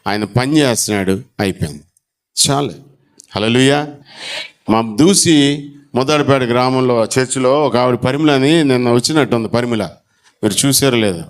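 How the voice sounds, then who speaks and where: A man preaching a sermon in church, calling out to the congregation and acting out conversations, his voice swinging from loud to low and soft. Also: normal speed, long pauses. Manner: animated preaching, with sudden drops to a low, soft voice; acts out dialogue and calls to the congregation. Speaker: pastor.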